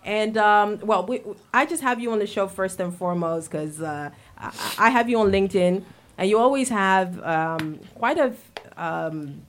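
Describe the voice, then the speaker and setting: A woman's voice: mid-range voice, normal speed. A young woman hosting an interview show, chatty and laughing often, with plenty of fillers. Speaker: show host. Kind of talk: casual interview.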